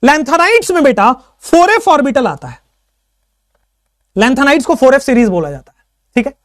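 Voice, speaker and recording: High-pitched, lively male chemistry teacher. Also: no echo, clean studio sound. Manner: repeats points, coaxes students to answer; dictates notes very slowly. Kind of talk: online class lecture.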